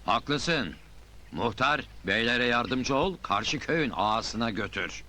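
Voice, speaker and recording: A confident, calculating schemer in a film comedy. His voice sits at middle pitch, bright and forceful, with animated intonation. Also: takes it slowly. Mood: assured, approving. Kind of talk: Turkish film comedy acting.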